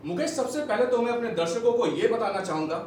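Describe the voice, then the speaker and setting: A man's voice: very high voice, animated, fast talker, a little mellow, slight background noise. An actor on stage playing a male TV reporter, who speaks formally and proudly stresses his channel's scoop. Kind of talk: stage play acting. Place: theatre stage. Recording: echoey hall, captured from far off.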